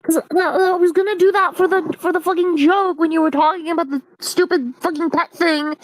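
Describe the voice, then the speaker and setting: A woman joining a tabletop game over a voice call, talking in a chatty, complaining way full of casual swears. Her voice is very high, and it sounds close and dry. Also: steady tone, a little fast, no echo. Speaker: player. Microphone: mobile on a voice call.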